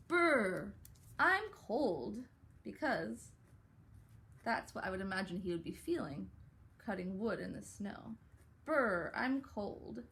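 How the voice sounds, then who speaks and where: A young adult woman teaching a writing lesson to young children, gently coaxing and sounding out words slowly. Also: mid-range voice.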